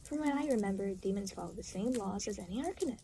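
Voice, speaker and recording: In an audio roleplay, a woman voices an aloof, exasperated demon who is reluctantly babysitting a new soul, addressing the listener in a dry, sarcastic, weary way. Her mid-range voice is warm and fast, with lively intonation and a lightly acted, sardonic mood. A little hiss or hum sits under the recording.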